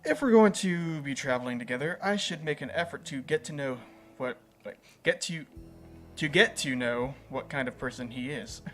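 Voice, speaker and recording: A man's voice: a little high, lively intonation, normal speed, soft background music. Playful man reading a game aloud. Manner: playful, laughs at the story. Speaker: gaming channel host.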